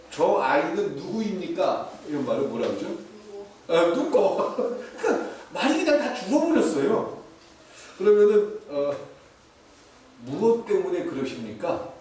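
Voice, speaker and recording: Animated male pastor preaching in an echoey church. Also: high voice, unhurried. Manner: animated, playful, mimics dialect phrases. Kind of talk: sermon. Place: church sanctuary. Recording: echoey, distant, faint hiss.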